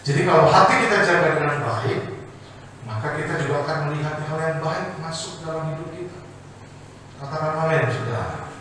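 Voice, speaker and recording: A man's voice: on the high side, moderate pace, background noise. Male preacher in an echoing church hall. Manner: animated storytelling with call-and-response. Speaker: pastor. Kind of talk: sermon. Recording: echoey church hall from a distance.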